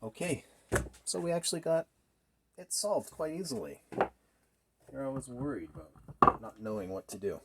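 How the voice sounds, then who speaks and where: A middle-aged DIY maker narrates casually while demonstrating a build in his small indoor home workshop, thinking aloud tentatively. His medium-pitched voice has lively intonation, a slightly slow pace, and long pauses. The recording is clearly noisy, with handling clicks.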